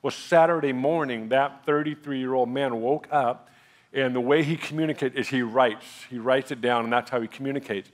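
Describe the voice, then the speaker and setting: A man's voice: medium pitch, normal speed. Man preaching a sermon on stage. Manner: conversational, rising to excited emphasis. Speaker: pastor. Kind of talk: sermon with testimony. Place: large church stage, indoors.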